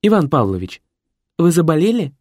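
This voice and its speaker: A man's voice: a little high, big pitch swings, normal speed, a little mellow, no echo, pitched above the performer's own voice. A deferential, fussy secretary figure, put on by a male narrator in a raised register. He speaks in a formal, courteous way with a touch of know-it-all. The sound is dry and close, with no room around it. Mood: concerned.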